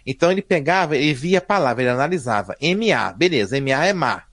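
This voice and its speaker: A man, telling stories as a podcast guest in a lively, slangy way. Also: a little high, fast, dry recording. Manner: lively and slangy, voice rising and falling. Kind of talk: casual storytelling chat.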